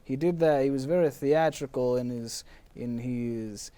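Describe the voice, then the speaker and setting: A man playing a melancholy, touchy, theatrical undead poet from the 19th century in an improvised comedy interview, with pompous archaic wording and halting, dramatic delivery. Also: medium pitch, mellow, clear, resonant tone, natural voice. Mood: musing, halting. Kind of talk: improvised mock interview in character.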